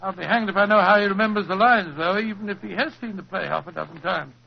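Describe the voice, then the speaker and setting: A muffled old radio recording features a British doctor and loyal companion. His voice is high and gravelly, with a hearty, slightly bewildered way of talking. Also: fast talker, a little hiss or hum. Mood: admiring, amused. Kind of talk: 1940s radio acting.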